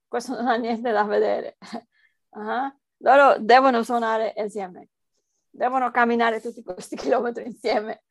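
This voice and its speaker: Foreign-accented lady getting interviewed in her second language, slow and halting, bit of fry in the voice. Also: a little high, no echo. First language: not Italian, speaks it as a foreign language. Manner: hesitant, searching for words in a non-native language. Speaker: interviewed researcher. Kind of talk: conversational interview answers.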